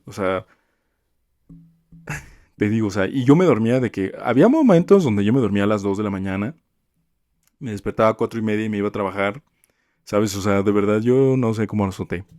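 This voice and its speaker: A young man, telling stories from his past jobs in an animated, chatty way. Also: lowish voice, dry recording, clean studio sound. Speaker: vlogger. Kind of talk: casual storytime gossip.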